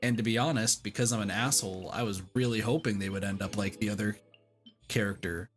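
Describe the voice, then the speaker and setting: Game music runs in the background as this streamer talks briskly in a medium-pitched voice with fairly even intonation. It's loose livestream chatter over gameplay: sweary, blunt, rambling, repetitive, and packed with "like."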